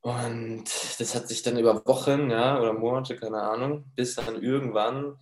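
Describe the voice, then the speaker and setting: A man telling a personal story in a casual, chatty way, laughing often and filling pauses with little filler sounds. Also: mid-range voice, fairly even intonation, a little hiss or hum. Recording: roomy echo.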